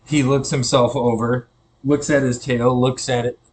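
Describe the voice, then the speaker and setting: A man's voice: mid-range voice, level tone, normal speed, slight background noise. A man narrating an online tabletop game as dungeon master, describing scenes with fillers and self-corrections.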